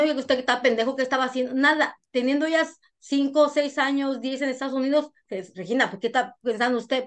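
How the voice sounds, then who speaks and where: A Mexican woman with a Mexican accent, a guest telling her life story in an interview, animated and frank, acting out what others said. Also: high-pitched. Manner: animated storyteller who acts out other people's lines; frank, uses crude slang.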